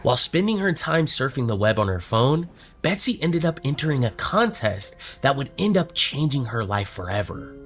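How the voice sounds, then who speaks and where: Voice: mid-range voice, very animated, moderate pace, faint music behind. A narrator of a reality documentary show, giving scripted narration with a dramatic, teasing delivery.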